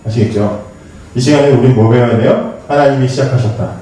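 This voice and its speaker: A man preaching a lively youth sermon in a church. He talks to the teens like a conversation, asks them questions and acts out the lines he quotes. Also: medium pitch, fairly quick, slight background noise. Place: church sanctuary. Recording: very echoey hall, voice from far off the mic.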